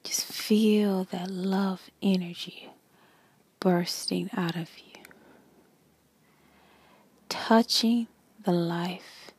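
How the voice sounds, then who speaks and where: A woman guiding a meditation in a slow, soft whisper with long pauses. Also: lowish voice, fairly even intonation, husky. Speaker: meditation guide. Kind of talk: guided meditation.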